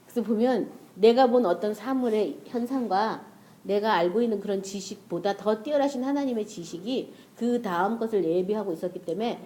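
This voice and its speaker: A woman's voice: mid-range voice, mellow. A woman preacher giving a casual, conversational sermon and acting out prayers and inner voices.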